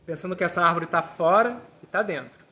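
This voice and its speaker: A man's voice: high voice, fairly quick, bright, forceful tone. A man, a tarot teacher guiding a hands-on exercise step by step and checking in with listeners. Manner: talks through steps, tags lines with "né?". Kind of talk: explanatory class with a hands-on exercise.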